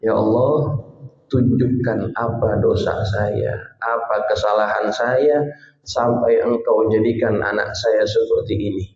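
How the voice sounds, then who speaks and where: A grieving father, as a preacher acts him out, prays in anguish in a roomy, slightly dull hall, drawing out his words slowly. The voice stays at an ordinary man's pitch and pleads for answers. It sounds like a sermon story told aloud. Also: steady tone, a little mellow, lightly acted. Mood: imploring. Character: heartbroken middle-aged father praying in tears.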